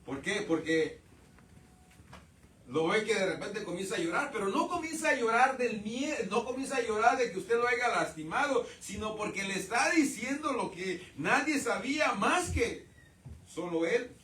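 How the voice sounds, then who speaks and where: Impassioned preacher, echoey church. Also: male voice, high voice, animated, moderate pace, recorded from a distance. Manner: impassioned, swings from loud outbursts to quiet asides; addresses the congregation as brothers. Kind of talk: sermon. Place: church sanctuary. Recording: roomy church sound from off-mic.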